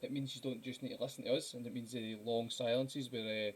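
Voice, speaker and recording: Relaxed man signing off a stream. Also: mid-range voice, fast, slightly rough. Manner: relaxed, rambling, thanking viewers. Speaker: host of a live drawing stream. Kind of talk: casual chat.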